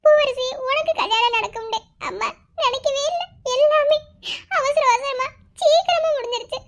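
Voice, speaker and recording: A woman's voice: very high-pitched, moderate pace. A woman voicing a fond village mother in a cartoon, with a Madurai Tamil accent, advising her newly married daughter and chuckling through tears. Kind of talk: cartoon voice acting.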